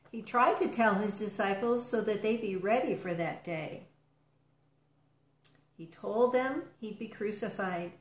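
A woman reading a storybook aloud to children, gentle and expressive, with soft drops in volume. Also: mid-range voice, echoey room, poor audio.

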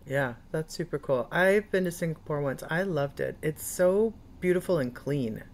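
Low-voiced chatty woman podcast host. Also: moderate pace, darkish tone. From Midwest US. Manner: enthusiastic, chatty, lots of fillers. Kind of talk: casual interview chat.

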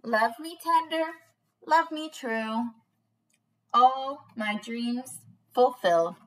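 A young adult preschool teacher does a bubbly, sing-song read-aloud for small children, her slightly high, fairly bright voice moving extremely slowly. It was recorded on a webcam in a small panelled room, and the sound is rough.

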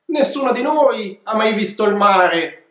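A man's voice: animated, unhurried, a bit bright. A man doing jittery bleating goats. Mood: scared. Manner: high, trembling, bleating. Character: frightened bleating goat chorus, female. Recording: echoey room.

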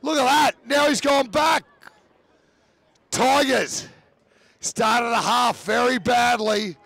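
A man giving live rugby commentary, excitable and often shouting over the play, with chatty asides about the players. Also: very high voice, slow, creaky, dry recording.

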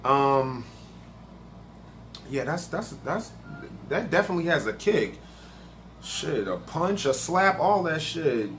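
A man's voice: a little high, big pitch swings, slow pace, long pauses, fairly bright tone, a little hiss or hum. A man casually reviewing a spicy snack on his own video channel, talking loosely and swearing a lot. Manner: profane, laid-back, chatty. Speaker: food reaction vlogger.

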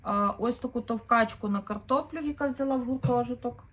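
A woman's voice: on the high side, fairly quick, slightly rough. A woman in her thirties from Ukraine, chatting casually through a shopping haul as a vlogger, thinking aloud with fillers. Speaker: vlogger, mother of four.

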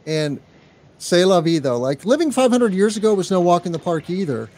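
A man co-hosting a podcast in easygoing, chatty conversation. His voice sits a bit higher than most men's. He talks loosely and likes to banter. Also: animated, brisk, darkish tone. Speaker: podcast co-host. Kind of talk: casual chat.

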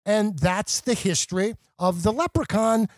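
A man's voice: high voice, a little slow, no echo. A man who works as a journalist and talk radio host, a guest on a podcast, arguing his points with emphatic, impassioned conviction. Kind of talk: podcast conversation.

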